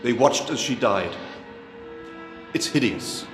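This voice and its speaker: An earnest doctor with lively intonation. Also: male voice, medium pitch, slow pace. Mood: hushed, appalled. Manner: formal, polite. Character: earnest, courteous male Victorian doctor, detective's companion. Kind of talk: dramatic film dialogue. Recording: reverberant hall sound with music underneath.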